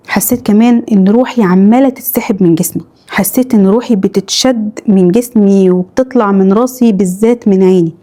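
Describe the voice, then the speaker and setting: A woman with an Egyptian accent narrating horror stories in a quick first-person retelling. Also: fairly high pitch, warm tone. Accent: Egyptian Arabic. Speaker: storyteller reading followers' horror stories.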